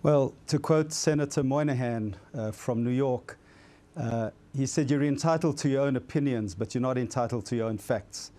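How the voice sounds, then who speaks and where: Forceful South African-born man, mellow tone. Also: mid-range voice, normal speed. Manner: forceful, categorical, stumbling at times. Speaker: debate guest, advocacy group founder. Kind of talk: studio debate.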